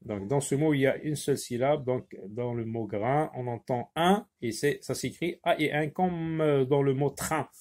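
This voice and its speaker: A man teaching a French phonics lesson, repeating words slowly and spelling out letters. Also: medium pitch, darkish tone. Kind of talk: slow, drawn-out phonics lesson.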